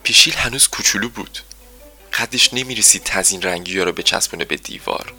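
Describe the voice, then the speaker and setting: A man narrates a children's story in a gentle, storytelling way. His voice is strikingly bright and forceful. Soft music plays faintly underneath. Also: lowish voice, expressive, husky.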